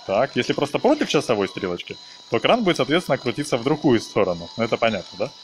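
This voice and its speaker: Talking fast and very animated, this man guides viewers through gameplay in a relaxed way, leaning on slangy words and diminutives. His voice sits at medium pitch, with slight background noise in the clip.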